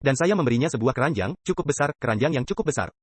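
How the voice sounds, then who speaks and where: Fast-talking man dubbing a sermon. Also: mid-range voice, no echo. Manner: lively storytelling, acting out dialogue. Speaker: preacher dubbed into Indonesian. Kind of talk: dubbed sermon storytelling.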